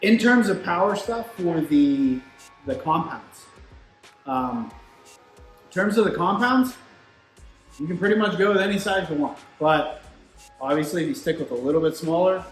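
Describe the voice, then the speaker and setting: Man talking shop in an echoey room. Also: fairly high pitch. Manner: conversational, explanatory. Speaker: turbo shop product expert and presenter. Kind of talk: casual technical shop talk. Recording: roomy echo, music, machinery behind. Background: shop machines running in the background.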